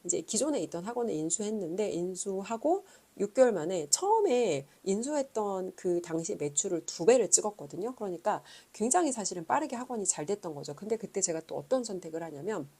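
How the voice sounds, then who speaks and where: A woman in her thirties, a reading coach, telling her own story in an earnest, thoughtful way with frequent pauses. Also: medium pitch, sing-song, dark tone, slightly rough. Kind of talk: reflective personal talk.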